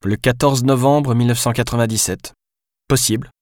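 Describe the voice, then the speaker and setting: A man's voice: medium pitch, fairly even intonation, normal speed, darkish tone, dry recording, clean studio sound, voice pushed up, close to an everyday voice. A man voicing a frustrated, stubborn man on the run in an audiobook, talking in a grumbling, defensive way. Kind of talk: audiobook character voice.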